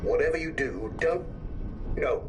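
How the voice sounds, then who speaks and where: A man's voice: a little high, background noise. A man voicing a sly, theatrical aristocratic collector whose message plays from an old phonograph cylinder in a video game. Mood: ominous. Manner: grand, drawn-out theatrical speech. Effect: played back from an old phonograph cylinder. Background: music.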